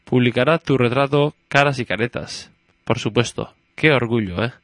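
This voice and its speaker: A man's voice: medium pitch, normal speed, fairly bright tone, dry recording, close to an everyday voice. A man reading a story aloud and voicing a curious, chatty little girl who keeps questioning her father. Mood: innocent curious.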